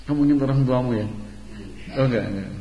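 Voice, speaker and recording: A man's voice: mid-range voice, fast, a little hiss or hum. Male teacher quizzing students in a hall. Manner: questions students directly, playful and teasing. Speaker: religious teacher at an Islamic boarding school. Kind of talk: interactive classroom lesson. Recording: roomy hall echo, dull lo-fi sound.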